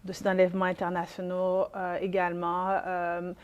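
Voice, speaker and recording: A woman in her forties with a Quebec French accent, a lawyer speaking as a guest in an interview, measured and with frequent hesitations. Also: fairly low pitch, completely flat delivery, clear, resonant tone, highs cut off. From Haiti. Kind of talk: conversational interview.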